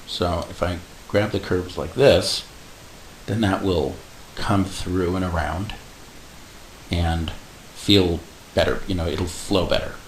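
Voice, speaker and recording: A man explaining animation software step by step in a casual tutorial, adding little sound effects like "boom". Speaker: animation instructor. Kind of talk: screen-recorded software tutorial. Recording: echoey room with faint hiss.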